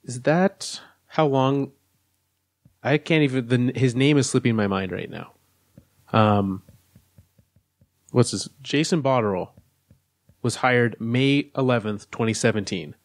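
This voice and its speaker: A man's voice: mid-range voice, measured pace, long pauses, dry recording, studio quality. A man co-hosting a casual sports podcast, laying out his arguments step by step. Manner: analytical, lays out arguments step by step. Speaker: podcast co-host.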